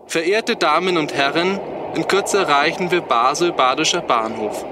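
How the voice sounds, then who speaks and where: An actor playing a train conductor, making a formal, measured train loudspeaker announcement. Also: male voice. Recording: distant voice over loud train noise. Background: rumbling train and outdoor ambience.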